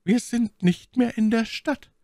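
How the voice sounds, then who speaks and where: A man voicing a proud, cunning noblewoman in a high, haughty falsetto, in a dry audiobook reading. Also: a little slow, gravelly, warm tone, dry recording, exaggerated voice. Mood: alarmed, indignant. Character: proud, cunning noblewoman captive, imperious and suspicious.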